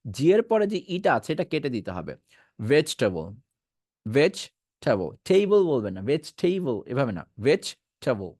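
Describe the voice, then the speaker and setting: A man leads an English pronunciation lesson. He repeats words slowly and keeps asking whether learners follow. His voice swings widely in pitch, and the sound is dry and close. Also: darkish tone, no echo. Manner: repeats words slowly and drills them, checks understanding often.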